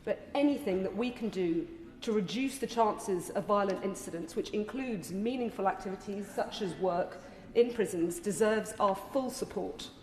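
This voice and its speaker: Woman, parliamentary speaker, measured rhetorical delivery, medium pitch, long hall reverb. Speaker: member of parliament giving a speech. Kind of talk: formal parliamentary speech. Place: large debating chamber indoors. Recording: echoey hall, distant reverb, noisy ambience.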